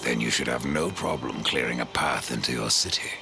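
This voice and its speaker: An actor playing Death's ancient, sardonic horseman in a video game, speaking gravely and drily in a very deep, gravelly voice. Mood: dry, sardonic. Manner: grave, measured, dry. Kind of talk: video game cinematic acting.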